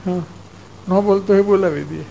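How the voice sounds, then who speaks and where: High-voiced man giving a spiritual discourse. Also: moderate pace, creaky, warm tone, highs cut off, a little hiss or hum. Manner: storytelling, acts out exchanges, chuckles. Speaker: spiritual teacher.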